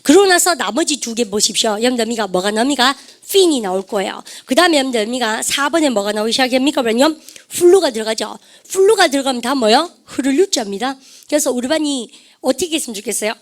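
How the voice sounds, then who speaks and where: Lively woman English teacher lecturing. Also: high voice, fast talker. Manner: lively, repeats "여러분들", asks the class questions; refers to herself as "쌤". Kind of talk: lecture to a class.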